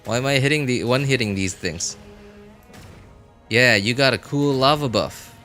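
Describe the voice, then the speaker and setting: This man's medium-pitched voice comes across pushed and bright at a normal speed. He's a game streamer giving casual, rambling live commentary and thinking aloud, with music playing behind his voice.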